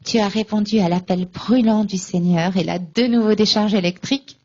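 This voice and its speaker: A woman giving a personal faith testimony at a conference, recounting events with lively acted-out dialogue. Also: medium pitch, moderate pace, dull audio. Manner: lively, acts out remembered dialogue.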